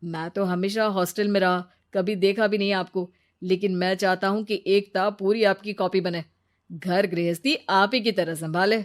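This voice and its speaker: A woman voicing a bossy young husband who scolds his wife, in a lowered voice for a cartoon story. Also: steady tone, normal speed, natural voice. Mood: insistent. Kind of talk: cartoon voice acting.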